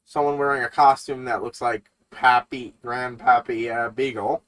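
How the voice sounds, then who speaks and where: A man talking through a cartoon episode in a loose, rambling reaction style. He swears now and then and keeps his voice at a middle pitch. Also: steady tone, moderate pace, fairly bright tone. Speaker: reaction streamer. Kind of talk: casual reaction commentary.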